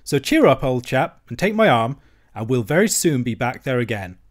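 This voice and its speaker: Brisk, kindly rat, read by a man, hearty and reassuring, storybook voice. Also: mid-range voice, sing-song, a little mellow.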